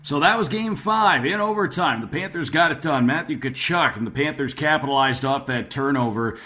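A man's voice: on the high side, lively intonation, moderate pace, bright, forceful tone. A man hosting a sports radio program in a conversational, emphatic way, stressing key phrases.

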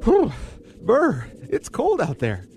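Lively man reading a radio commercial. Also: high-pitched, slow, gravelly, husky. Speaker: advertisement announcer. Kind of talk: upbeat scripted radio commercial. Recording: music bed behind. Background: music.

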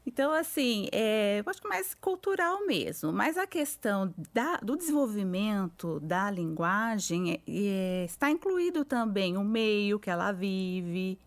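A woman's voice: medium pitch, big pitch swings, measured pace, hardly any pauses. A woman guest, a speech therapist, answering in a thoughtful, slightly hesitant way. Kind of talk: conversation.

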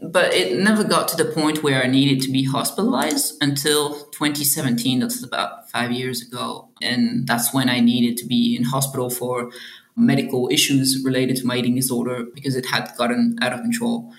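Speaking at a moderate pace with fairly even intonation, this young Belgian woman has a very deep voice that echoes around the room. A doctoral candidate, she shares her personal story in an interview, sounding earnest and reflective with a few hesitant restarts.

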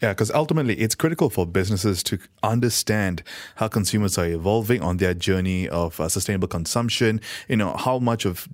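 A man's voice: lowish voice, lively intonation, brisk. A man co-hosting a talk radio show, with casual banter and commentary. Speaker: radio co-host. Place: radio studio.

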